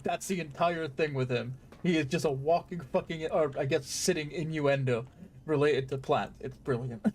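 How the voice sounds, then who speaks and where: A man's voice: on the high side, normal speed. A man giving casual gameplay commentary, chatty, laughing often and swearing freely. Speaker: gaming streamer.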